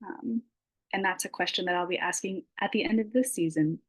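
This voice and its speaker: Woman farmer, reflective and halting, with a lowish voice and dry sound, sharing her experience on a video call. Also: no echo, poor audio. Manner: reflective, halting, with many fillers. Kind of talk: personal sharing in an online support circle.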